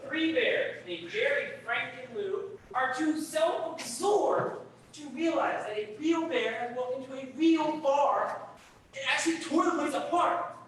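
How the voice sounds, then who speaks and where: Guy doing a lively joke teller, high voice, sounds far off on an echoey stage w/ faint hiss. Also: a little slow. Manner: animated joke-telling, trading one-liners. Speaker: stage actor telling bar jokes. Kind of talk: live stage comedy acting. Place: theater stage.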